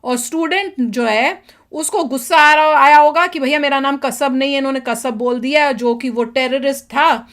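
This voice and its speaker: A woman's voice: sits high, normal speed, fairly bright tone. A woman from India hosting a reaction vlog, chatting and speculating aloud, mixing in English. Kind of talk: casual commentary in Hindi mixed with English.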